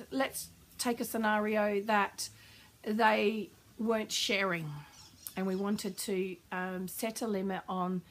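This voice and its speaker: A woman parenting coach answering a viewer's question, explaining calmly and warmly. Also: medium pitch, rough recording. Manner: calm, warm explanatory advice.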